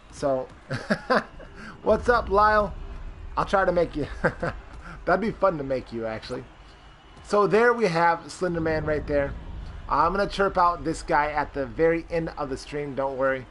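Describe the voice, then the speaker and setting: A man's voice: on the high side, fairly bright tone, slight background noise. A man streaming a character-creation game, rambling with lots of fillers and greeting chat viewers. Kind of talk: casual live-stream commentary.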